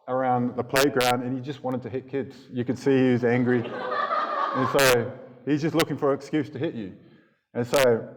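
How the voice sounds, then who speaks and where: A man's voice: medium pitch, a little hiss or hum. Chuckling New man telling his testimony. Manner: casual storytelling with frequent chuckles. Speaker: church speaker giving testimony. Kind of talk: personal testimony talk to a congregation. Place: church hall before an audience. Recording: long hall reverb in a church.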